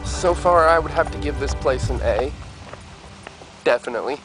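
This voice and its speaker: A man's voice: a little high, normal speed, over music, low-quality recording. A middle-aged man filming a casual travel vlog while hiking among rocks, talking into a handheld camera mic. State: a little out of breath. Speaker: travel vlogger. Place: outdoors among rocks, wind.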